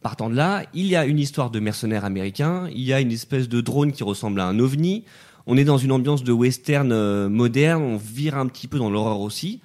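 A man's voice: medium pitch, lively intonation, fairly quick, darkish tone. Rambling, thoughtful male film critic. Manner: talks at length, restarts, thinks aloud. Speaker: film critic on a festival podcast. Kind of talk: casual review chat.

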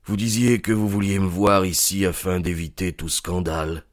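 A man's voice: sits low, flat delivery, normal speed, no room sound, clean studio sound, lightly acted. An actor playing a remorseful old man who is dying, speaking in a heavy, weary, pleading way.

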